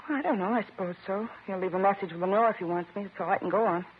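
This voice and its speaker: A woman's voice: medium pitch, rapid-fire, natural voice. An actress playing an anxious, lovestruck married woman in an old-time radio drama, speaking in an earnest, wounded, dramatic way. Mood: guarded, confessing. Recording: noisy muffled old radio recording.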